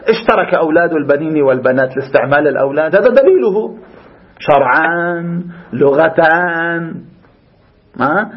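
A man's voice: on the high side, expressive, moderate pace, muffled recording. A man with a Levantine Arabic accent teaching a religious class informally, explaining animatedly and shifting between classical and colloquial speech. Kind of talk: informal lecture with discussion.

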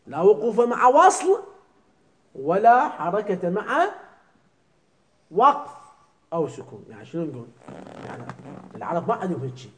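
A man teaching a religious jurisprudence lesson, often stopping to ask his students whether it is clear and to quiz them. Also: high voice, big pitch swings, normal speed, pauses often, fairly bright tone, low-quality recording. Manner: keeps asking students "clear?" and quizzing them.

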